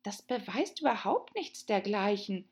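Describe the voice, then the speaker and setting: A fearless young girl in a storybook who says plainly what she thinks, as a woman reader puts her on. Her voice sits higher and brighter than the narration. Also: expressive, a little slow. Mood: blunt. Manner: blunt, matter-of-fact. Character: bold, outspoken young girl.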